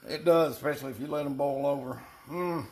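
A man's voice: a little high, a little fast, a little mellow, slight background noise. An older man with a Southern US accent, chatting casually and telling folksy, rambling stories while cooking in a home kitchen, picked up by a camera a few feet away. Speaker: cooking show co-host.

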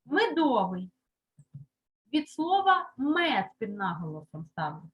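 A woman teaching a primary school language lesson, slowly stressing and repeating words for young children. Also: sits high, very animated, muffled recording. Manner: slow, emphatic, repeats words aloud for children. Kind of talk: Ukrainian lesson for third graders.

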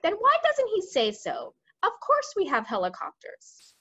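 Woman reading as a testy, animated air force chief. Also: high voice, a little slow, dull audio, full character voice. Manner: testy questioning.

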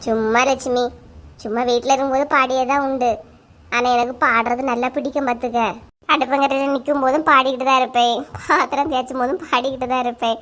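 A woman's voice: high-pitched, level tone, quick pace, fairly bright tone. A woman voicing an easygoing middle-aged village housewife with a Kanyakumari Tamil accent, who talks in a motherly, sing-song way in a cartoon comedy. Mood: calm, homely. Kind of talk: animated comedy dialogue.

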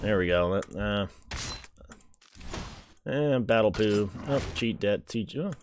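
A man's voice: fairly low pitch, animated, slow, slight background noise. A man hosting a gaming channel, chatting casually through a let's-play, jokingly reading game dialogue aloud and admitting he is unsure how names are pronounced. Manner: reads game dialogue aloud and laughs at it, jokes around.

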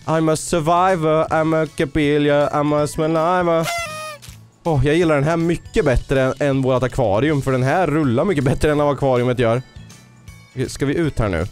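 A man narrating his own gameplay in a fairly high voice, excitable and loud with his character, cheering it on and scolding it by turns. English phrases slip in between his sentences. Faint game music plays behind him. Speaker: gaming YouTuber. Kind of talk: let's-play commentary.

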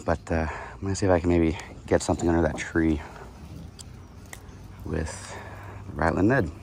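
A man filming himself from a kayak on a lake with a head-mounted action camera, chatting casually while he fishes and getting excited when a fish bites. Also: low-pitched, normal speed, gravelly, slight background noise. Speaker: fishing vlogger.

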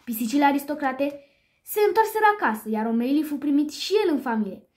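High-voiced woman reading a children's story. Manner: lively read-aloud with small slips.

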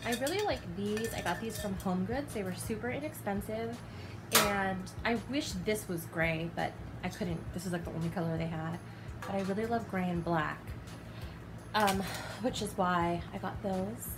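Casting: bubbly young woman vlogger, casual room chat, loud backing music. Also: medium pitch, moderate pace. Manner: chatty, upbeat, bubbly. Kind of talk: casual voice-over while organizing. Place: bedroom at home. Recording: music playing loudly behind voice. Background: loud background music.

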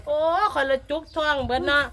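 A middle-aged woman with a Phu Thai Isan accent, chatting to viewers loudly and teasingly with lots of laughter. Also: fairly quick, slight background noise. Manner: loud, laughing, teasing, animated storytelling. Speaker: vlogger challenging a lottery rival. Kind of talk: casual chat to viewers.

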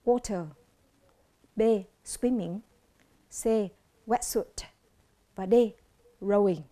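Vietnamese woman, TV English teacher, warm mellow voice, slow clear drilling of each word. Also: mid-range voice. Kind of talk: televised classroom lesson.

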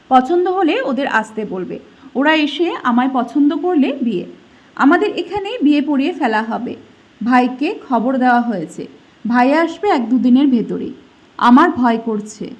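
High-voiced woman narrating a sad story. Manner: soft, emotional first-person telling with voiced quotes. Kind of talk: scripted emotional story narration.

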